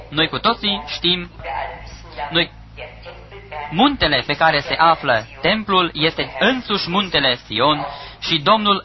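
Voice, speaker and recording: A man preaching a sermon, reading scripture aloud with emphatic pauses. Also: a little high. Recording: dull lo-fi recording with audience.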